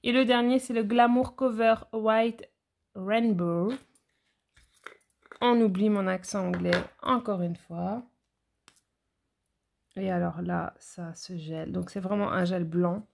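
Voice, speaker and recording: Woman, nail educator, casual haul vlog, gravelly fry, chatty and hesitant. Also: lowish voice, unhurried, a little mellow, slight background noise. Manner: chatty, addresses viewers directly, frequent hesitations.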